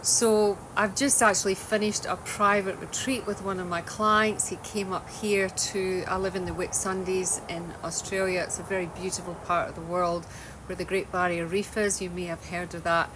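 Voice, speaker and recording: A Scottish wellness coach livestreams casually from her home in Australia, chatty and loose, often restarting her sentences. Her voice sits on the low side with little pitch movement, at a moderate pace, and there's background noise.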